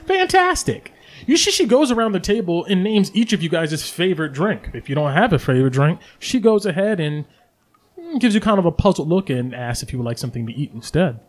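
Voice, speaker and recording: A man narrating as game master in a relaxed, descriptive way with frequent fillers. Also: on the high side, fairly quick.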